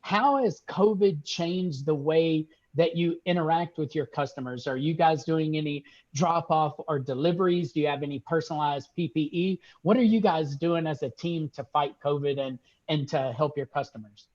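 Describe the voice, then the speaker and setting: A man's voice: fairly high pitch, normal speed, hardly any pauses, a little mellow. Upbeat man on a dull video call. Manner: upbeat, praising, fills with uh and restarts. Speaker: regional sales manager. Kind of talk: video call business check-in.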